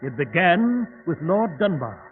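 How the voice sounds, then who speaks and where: A man playing an earnest gentlemanly doctor, telling his tale formally and dramatically in an old-time radio drama. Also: fairly high pitch, sing-song, a little slow, soft background music. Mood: storytelling, grave. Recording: tinny old radio recording.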